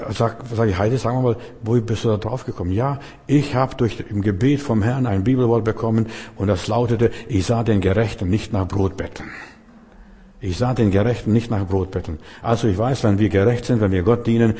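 A man's voice: fairly low pitch, mellow, husky. A middle-aged man preaching a sermon, emphatic and conversational, telling stories with colloquial asides. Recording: long reverb in a hall.

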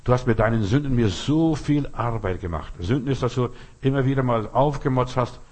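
Husky-voiced man preaching a sermon. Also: fairly quick. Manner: addresses listener directly, vivid everyday images, lively shifts in pitch and loudness. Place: Berlin.

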